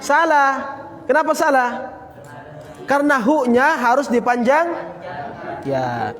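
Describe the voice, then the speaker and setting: A man teaching a Quran recitation lesson, drilling students with repeated questions and slowly chanting example words. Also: very high voice, very animated, a bit bright, big-room sound. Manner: occasional coughs, casual. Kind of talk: classroom tajwid lesson.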